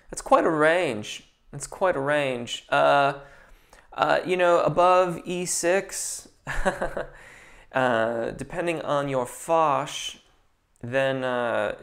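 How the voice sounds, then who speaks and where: A gravelly, medium-pitched male voice belongs to a vocal coach responding to viewer questions on a relaxed live stream. The chat is loose, peppered with ums and restarts.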